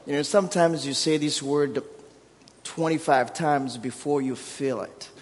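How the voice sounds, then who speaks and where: A Burundian man in his thirties, whose first language is Kirundi, preaches as a guest in a church sanctuary with a fairly high voice at a measured pace. His Burundian accent carries warm storytelling, self-deprecating humor, and building emphasis. The hall adds a long reverb.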